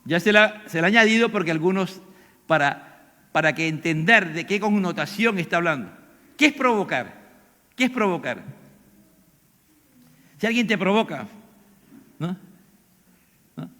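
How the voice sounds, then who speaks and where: A man's voice: high-pitched, expressive, measured pace, long pauses, bright, forceful tone. An older man with a Peruvian Spanish accent preaching a sermon, asking the congregation questions and acting out quoted lines. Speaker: pastor. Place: church hall. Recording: echoey church hall.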